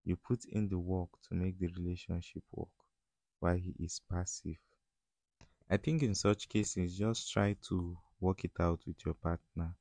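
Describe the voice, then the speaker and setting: A man's voice: low-pitched, flat delivery, measured pace, darkish tone, dry recording. A man with a Nigerian accent chats casually as a solo podcast host, in informal, slangy speech that often slips into Pidgin.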